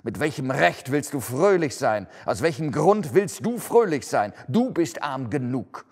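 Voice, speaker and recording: A man's voice: a little high, sing-song, unhurried, a little mellow, husky, voice pushed up, full character voice. A man voicing a grumpy, miserly old man who snaps harshly at his cheerful relative. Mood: scornful. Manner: harsh, snapping. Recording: long hall reverb.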